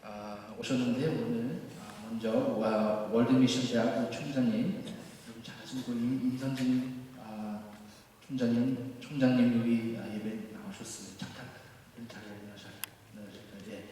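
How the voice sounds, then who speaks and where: A male pastor addressing his congregation during a church service, with halting pauses and swells from quiet to loud. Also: medium pitch, steady tone. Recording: very echoey hall, distant, noisy congregation behind.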